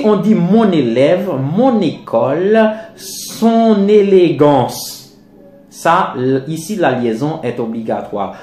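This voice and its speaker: Slow, lively teacher. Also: male voice, on the high side, echoey room. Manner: slow, deliberate, repeats examples for emphasis. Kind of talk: lecture on French pronunciation.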